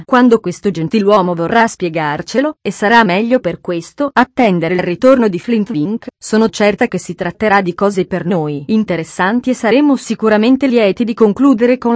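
A woman's voice: medium pitch, expressive, moderate pace, hardly any pauses, dry recording, natural voice. A woman voicing a cold, stern old invalid mother, speaking firmly, in a dry storybook reading.

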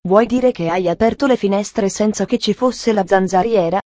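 A woman's voice: mid-range voice, normal speed, warm tone, no room sound, lightly acted. A woman voicing a stern strict aunt. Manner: stiff, clipped and reproachful.

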